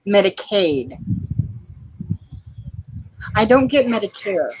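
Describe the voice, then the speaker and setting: A woman's voice: mid-range voice, sing-song, slow pace, slight background noise. A woman from Florida in a casual chat, speaking frankly and wryly. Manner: frank, complaining, wry. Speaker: guest in chat.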